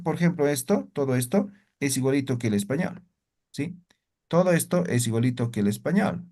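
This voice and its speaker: A man's voice: on the high side, a little mellow. A man teaching a spoken language lesson, explaining patiently, repeating words and checking with "¿no?" after most phrases.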